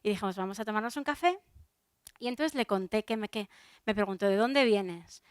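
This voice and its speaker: A woman's voice: medium pitch, brisk, no room sound, clean studio sound. A woman from Spain with a Spanish accent, a soprano giving a chatty public talk and speaking straight to her audience, with many fillers and restarts.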